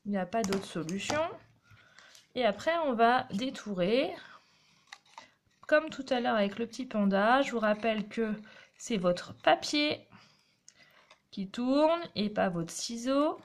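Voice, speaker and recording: A woman's voice: on the high side, lively intonation, measured pace, pauses often. A woman hosting a craft tutorial, chatting and encouraging viewers as she demonstrates step by step. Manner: chatty, encouraging, talks while working.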